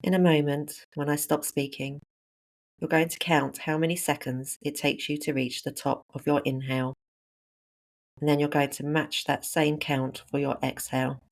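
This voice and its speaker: An instructor leading a guided breathing meditation, speaking calmly in short, unhurried phrases. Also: medium pitch, creaky.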